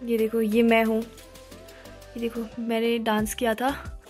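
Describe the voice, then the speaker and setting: A young woman from the Uttarakhand hills, both vlogger and bride, teases playfully as she narrates her wedding photos against faint background music. Her voice is fairly high, monotone, and at a normal speed.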